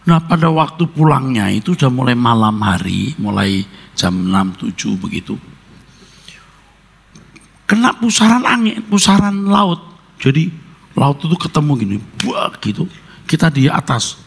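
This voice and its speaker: Gravelly pastor telling lively stories. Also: male voice, medium pitch, normal speed, long pauses, in a large hall. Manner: animated storyteller with sound effects and jokes. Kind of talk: sermon with personal storytelling.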